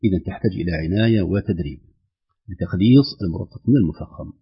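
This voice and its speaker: Guy teaching quran recitation, lowish husky voice, stretches out words to show pronunciation. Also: faint music behind. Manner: demonstrates pronunciation with slow, drawn-out examples. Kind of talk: explanatory lesson on Quran recitation. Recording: dull lo-fi recording.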